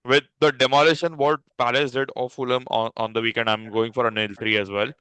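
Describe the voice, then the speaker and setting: Guy with a bright clear voice chatting football, dry close sound, lots of quick yeps. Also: mid-range voice, no echo, poor audio. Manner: brief agreeing replies, relaxed. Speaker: podcast co-host. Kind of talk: casual football chat.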